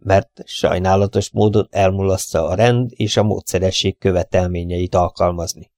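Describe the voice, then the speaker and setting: A man's voice: low voice, fairly even intonation, darkish tone, no echo. A man doing a fussy, precise detective. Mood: lecturing. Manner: fastidious, lightly mocking, drops French phrases. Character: fussy, precise male detective, middle-aged. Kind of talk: audiobook character reading.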